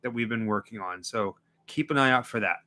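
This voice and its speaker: A man's voice: on the low side, fairly quick, pushed and bright. A man in his forties co-hosting a livestream, joking casually and thanking viewers. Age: 40s. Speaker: co-host of a horror watch-party stream.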